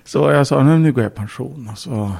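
A man's voice: medium pitch, darkish tone. A man, a podcast guest, telling a story in casual speech, bluntly, with swearing and acted-out quotes. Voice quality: gravelly, husky.

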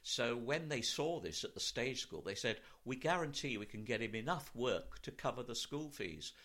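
An older actor with a British Received Pronunciation accent, originally from Wales and later London, recounts anecdotes from his life as a guest in a conversational interview. His medium-pitched voice is pushed and bright, with lively intonation at normal speed.

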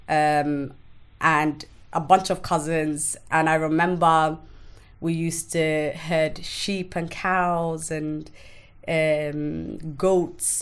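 Low-voiced, frank woman guest from Somalia. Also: smooth. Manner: frank and earnest, speaks in quick bursts with blunt asides. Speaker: podcast guest. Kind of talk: candid conversational interview.

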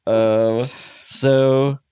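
A man's voice: mid-range voice, flat delivery, extremely slow, mellow, clear, resonant tone, no room sound, studio quality. A man co-hosting a podcast, chatting casually and jokily about a film, rambling and trailing off into fillers. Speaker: podcast co-host.

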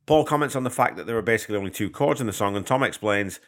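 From a hotel room, a cold-congested Canadian man records his podcast on a portable mic, speaking very fast with lively intonation in a lowish voice. He's chatty and self-deprecating, patiently walking through explanations in a casual monologue.

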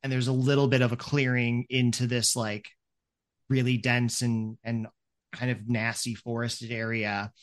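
A man acting as game master narrates a tabletop game in a rambling way, peppered with "like" and "um." His mid-range voice is flat and measured in pace.

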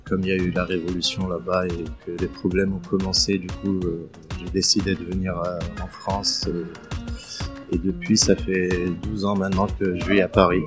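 A man's voice: low voice, flat delivery, moderate pace, music in the background. A man in his thirties from Palestine, telling his life story as an interview guest, hesitant with many fillers and restarts. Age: 30s. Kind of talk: casual interview testimony.

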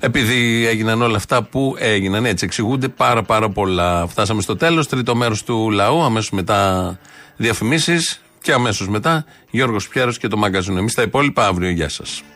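A man hosting a radio show, giving brisk, wry mock-news commentary and signing off. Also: lowish voice, a bit bright.

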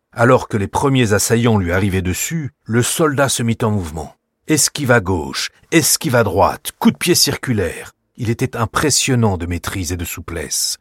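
A man reading a storybook in calm, measured, scripted narration. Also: on the low side, husky, dry recording, clean studio sound.

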